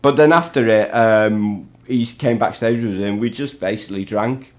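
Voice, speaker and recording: Man, low-pitched voice, guest in a tribute band, casual storytelling, chatty, rambling, laughs often. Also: moderate pace, darkish tone. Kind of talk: casual anecdote telling.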